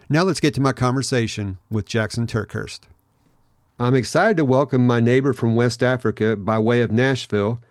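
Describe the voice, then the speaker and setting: A man's voice: mid-range voice, a little mellow, dry recording, clean studio sound. Earnest man hosting a podcast. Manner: friendly, earnest, welcoming. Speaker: podcast host. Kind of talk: podcast interview and scripted intro.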